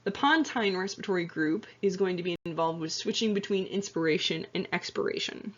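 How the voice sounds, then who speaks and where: Fairly quick and on the low side, a female anatomy and physiology instructor's voice turns tired and hoarse as she chats casually through her slides. She leans on fillers and self-corrections, and the audio is lo-fi.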